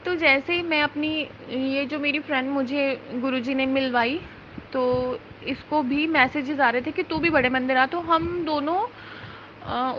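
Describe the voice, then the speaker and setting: Woman, high-pitched, earnest devotional testimony, emotional storytelling, slightly dull recording. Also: a little hiss or hum. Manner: earnest, emotional storytelling with Hindi-English mixing.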